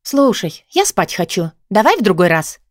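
A woman's voice: mid-range voice, very animated, moderate pace, dry recording, close to an everyday voice. A woman doing a sarcastic student roommate. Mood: dry mocking. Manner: dry, mocking.

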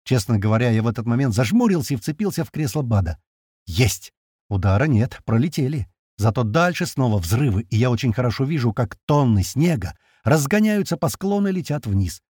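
A man narrating an action audiobook in the first person with tense, lively storytelling. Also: medium pitch, brisk, breathy edge, no echo, studio quality.

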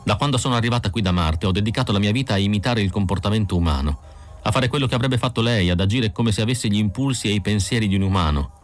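A man's voice: on the low side, quick pace, faint music behind, lightly acted. A man reading an audiobook voices a cold, scornful female android fugitive in an icy, hostile manner. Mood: cold contempt.

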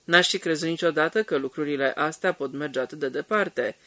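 A man voicing a male department head speaking in a grave, hushed undertone in an audiobook. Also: no room sound. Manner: speaks in a low whisper.

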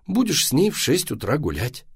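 A tired, sarcastic mother answers flatly from half-sleep , as a man reads her. The lively storyteller's melody still runs through it, recorded dry. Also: medium pitch, fairly quick, vocal fry, breathy edge, dry recording, voice pushed up, heavily acted. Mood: dry sleepy. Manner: dry and matter-of-fact.

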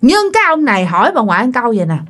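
A woman's voice: fairly high pitch, sing-song, very fast, fairly bright tone. A woman narrating a ghost story for her channel, chatty and colloquial, often speaking straight to her listeners.

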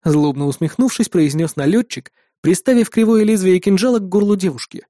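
A man narrating a first-person adventure story in an expressive manner. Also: high voice, a little fast, no echo, clean studio sound.

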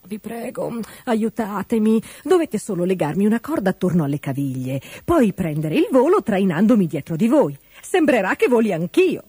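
A woman's voice: medium pitch, big pitch swings, normal speed, hardly any pauses, dark tone, breathy edge, no echo, studio quality. A woman voicing a pompous, boastful male ostrich king in a storybook reading, blustering through excuses. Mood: pleading.

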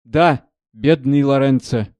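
A man's voice: mid-range voice, slow pace, a little mellow, dry recording, natural voice. A man reading aloud, voicing an old, scarred male knight who rambles on in grief. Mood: grieving. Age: older. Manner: grieving, rambling.

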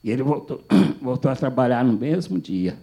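A male pastor, giving a sermon testimony as animated storytelling with acted dialogue. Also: mid-range voice, moderate pace.

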